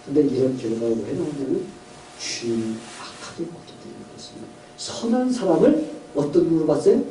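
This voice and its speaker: A male pastor delivers a sermon, retelling a parable and asking his listeners questions as he goes. His voice sits fairly high and mellow. He sounds a little distant from the mic in an echoey church hall, with faint room noise behind him. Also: expressive, fairly quick. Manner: storytelling with questions to the congregation, voicing characters. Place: church sanctuary.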